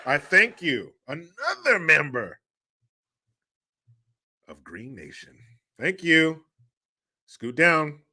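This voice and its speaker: A man's voice: a little high, sing-song, slow pace, pauses often, sharp tone. A man hosting a casual live stream, bantering loosely with viewers and swearing freely. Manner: laid-back, profane banter.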